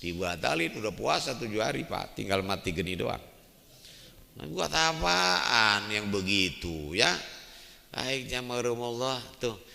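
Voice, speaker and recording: Gravelly older preacher. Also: male voice, mid-range voice, measured pace. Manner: lively, addresses the men as "Pak". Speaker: Islamic preacher. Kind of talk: storytelling sermon. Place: mosque hall. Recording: long echo of a mosque hall.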